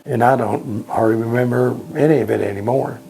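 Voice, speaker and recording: An older Vietnam veteran is interviewed about his service, recalling it in a casual, rambling, folksy way and repeating words often. His mid-range voice is steady and warm with vocal fry, a little fast. Faint music plays behind him, and the audio is poor.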